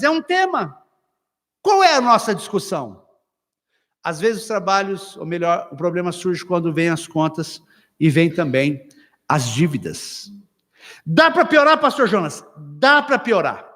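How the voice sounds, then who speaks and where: A man with a high voice preaches a lively sermon and acts out household quarrels with humor. The long reverb of the church hall carries every phrase out into the room.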